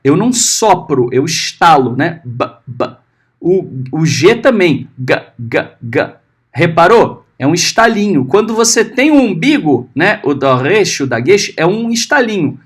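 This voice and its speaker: Man, teacher, patient, lively intonation, checks understanding often, sounds out syllables. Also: high-pitched, husky. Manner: slowly sounds out letters and syllables. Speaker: Hebrew teacher. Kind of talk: recorded class lesson.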